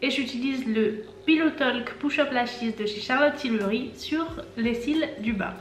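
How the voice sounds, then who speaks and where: A woman in her twenties, a beauty vlogger talking through a makeup tutorial in a chatty way, with rambling asides and quick self-corrections. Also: on the high side, slight background noise. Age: 20s. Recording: echoey room, faint background music.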